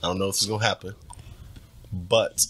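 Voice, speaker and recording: Bright, teasing male podcast co-host. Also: sits low, fairly even intonation, fairly quick, husky. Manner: teasing, profane, laughing. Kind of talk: casual podcast banter.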